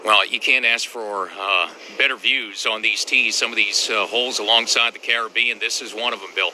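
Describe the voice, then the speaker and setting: Very bright, forceful male golf commentator. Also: on the low side, steady tone, normal speed, a little hiss or hum.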